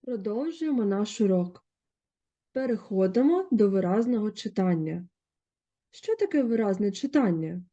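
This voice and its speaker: A woman teacher giving a recorded lesson, explaining steadily in a measured, instructive way. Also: medium pitch, lively intonation, dark tone, highs cut off. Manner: measured, instructive, clearly paced. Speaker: literature teacher.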